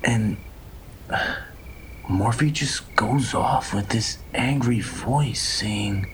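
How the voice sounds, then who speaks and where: A man in whispered role-play storytelling, recounting events in a slow, whispered first-person voice. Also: medium pitch, background noise.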